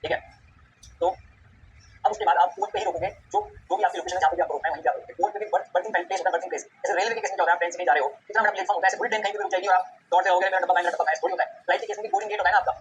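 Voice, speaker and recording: A man teaching customs law in a casual, chatty way, often checking that his students follow. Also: high-pitched. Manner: rapid, chatty, keeps checking "ठीक है?". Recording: slightly dull recording with faint background noise.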